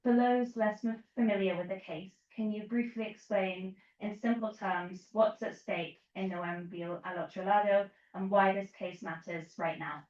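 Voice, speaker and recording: A woman's voice: mid-range voice, fairly even intonation, normal speed, few pauses, darkish tone. A woman moderates a panel and asks polite questions with a few fillers. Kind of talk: hosting a panel discussion. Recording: echoey, distant, dull sound.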